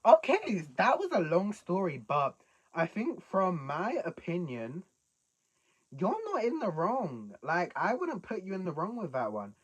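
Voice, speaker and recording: Young british video host, super animated pitch, mid-range voice, chatting casually and reacting in slang, all incredulous. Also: measured pace, slightly rough, low-quality recording.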